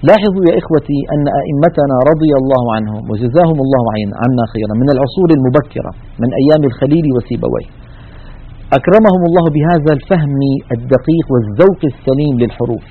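A man's voice: mid-range voice, animated, racing, husky, narrow, tinny audio. A man teaching Quranic recitation in a methodical lecture, explaining slides with spoken examples. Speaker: tajweed teacher.

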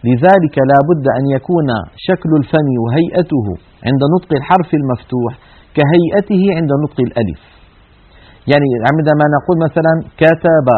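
A man gives a broadcast tajweed lesson, explaining carefully and stretching out sounds to demonstrate them. His delivery is quick and his voice somewhat husky and a little high. The audio is thin and tinny, like a phone line. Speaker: Quran recitation teacher.

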